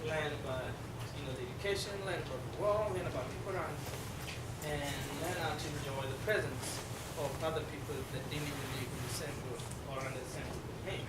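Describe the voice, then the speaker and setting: A middle-aged South Sudanese man, a Dinka speaker, explains things to a class in a halting way, often pausing with fillers. His voice sits a little high for a man. The recording comes from a distance in an echoey room with a noisy background. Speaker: guest speaker. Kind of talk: classroom presentation.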